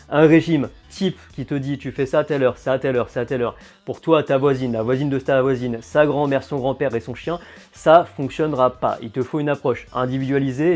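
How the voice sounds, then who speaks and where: A fitness and nutrition coach speaks directly to the viewer in a casual explainer vlog, his mid-range voice punctuated by lively, blunt, sarcastic asides.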